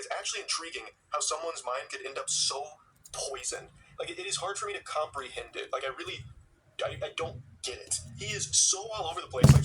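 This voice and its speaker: Sarcastic man, reaction commentary, bright edgy voice, distant mic, faint noise. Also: fairly high pitch. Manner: sarcastic, incredulous, swears freely. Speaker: commentary channel host. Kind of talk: reaction commentary on text messages.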